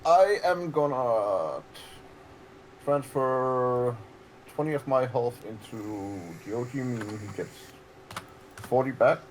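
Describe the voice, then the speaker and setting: A man's voice: mid-range voice, lively intonation, slow, pauses often, a little hiss or hum. A man playing a tabletop game, talking casually and hesitantly about his turn. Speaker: player.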